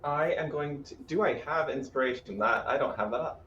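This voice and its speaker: A man's voice: on the high side, normal speed, fairly bright tone. Man in a roomy, dull-sounding room. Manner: joking, laughs often. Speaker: player. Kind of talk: casual tabletop play. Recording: roomy, dull mic with faint hiss and typing.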